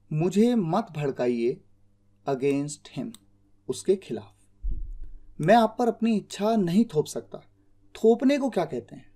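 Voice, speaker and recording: Indian man, English tutor; patient step-by-step explainer, warm low tone, drags out example phrases. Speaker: English teacher. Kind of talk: spoken English lesson in Hindi.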